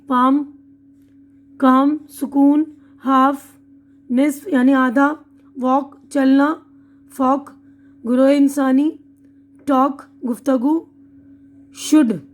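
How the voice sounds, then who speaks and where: A woman with an Urdu accent giving an online English lesson, reading words slowly and patiently, each with its translation. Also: high voice, darkish tone. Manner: slow, patient word-by-word drilling with translations. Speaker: English teacher.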